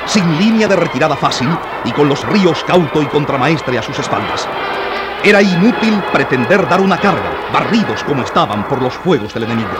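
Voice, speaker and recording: A man giving dramatic scripted narration of historical events for a radio drama, in a solemn, heightened manner. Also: medium pitch. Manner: solemn, rising to heightened intensity in battle passages. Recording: narration over loud music.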